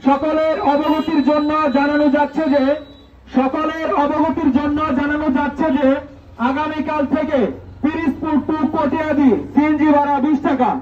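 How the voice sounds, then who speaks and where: A man's voice: very high-pitched, little pitch movement, moderate pace, slight background noise. A man making a formal public announcement through a megaphone. He speaks as an organizer for a student group and repeats each phrase twice in an announcer's manner. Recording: distant, echoing, dull megaphone sound outdoors.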